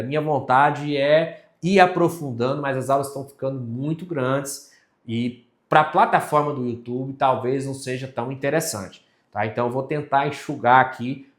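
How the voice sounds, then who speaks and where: A Brazilian man teaching a sales class, his mid-pitched voice ringing in a roomy, echoing space. He explains step by step and keeps checking that his listeners are following. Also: normal speed. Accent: Brazilian Portuguese. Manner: didactic, checks in with listeners often. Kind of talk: recorded online lesson.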